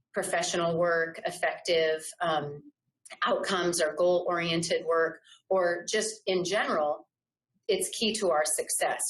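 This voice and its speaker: A middle-aged woman from the Southern United States presents a live webinar, loud and enthusiastic, with a lowish voice that carries. She speaks conversationally, often checking in with "right?", though the audio quality is poor.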